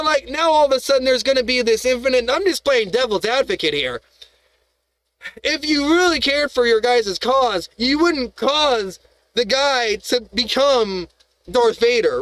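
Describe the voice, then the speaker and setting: On a live stream, a man with a fairly high, slightly bright voice launches into a heated, rambling rant. He curses freely, keeps restarting sentences and fires rhetorical questions at his viewers. The recording is dry and close-miked, with no room sound.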